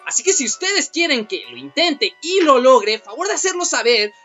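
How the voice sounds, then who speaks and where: A man commentating a video game, thinking aloud and bursting into excited outcries. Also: very high-pitched, moderate pace, lo-fi sound, faint music behind. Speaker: gameplay commentator. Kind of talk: let's play commentary.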